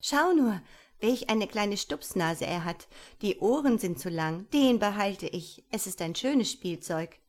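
A woman voicing a bold young princess who teases and mocks in a brisk, lively voice. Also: medium pitch, close to an everyday voice. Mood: mocking. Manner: teasing, mocking.

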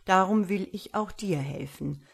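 A woman voicing an ancient talking oak tree in a fairy tale, speaking calmly and kindly. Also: fairly low pitch, unhurried, gravelly, breathy edge, full character voice. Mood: gentle. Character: old wise talking oak tree, gentle.

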